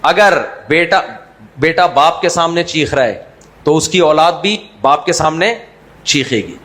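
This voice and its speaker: A man giving a religious lecture in a joking, storytelling way, at times breaking into loud mock shouts. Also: a little high. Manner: lively, jokey storytelling with sudden jumps to loud mock shouting. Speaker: Islamic preacher.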